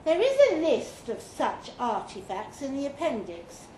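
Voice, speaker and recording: A woman reads a comic guidebook aloud to a live audience in a pub function room, adopting a dry, mock-official manner with playful stresses. Her high, sing-song voice has a dark tone and moves a little slowly. Laughter and general room noise fill this roomy, noisy live recording.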